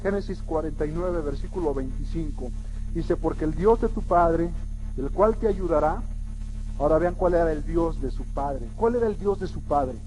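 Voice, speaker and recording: A man's voice: a little high, moderate pace, darkish tone, soft background music. A man preaching a sermon in a church hall, emphatic and asking the congregation questions. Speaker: pastor.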